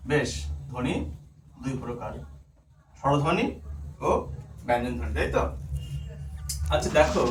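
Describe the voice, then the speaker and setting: During a teaching demonstration, a man with a Bengali accent asks questions and answers them himself, as a teacher candidate would. His mid-range voice has lively intonation and a moderate pace with long pauses. Sound is echoey, with a far mic and faint noise.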